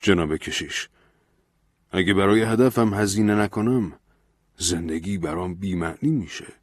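A man's voice: low-pitched, no echo. A man voicing a proud, embittered, grieving man who speaks in a bitter, defiant tone. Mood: grim, resolved.

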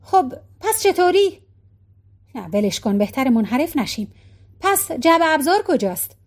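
A woman's voice: high voice, sing-song. A woman reading a storybook voicing an impatient middle-aged husband who keeps asking pointed questions. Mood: exasperated.

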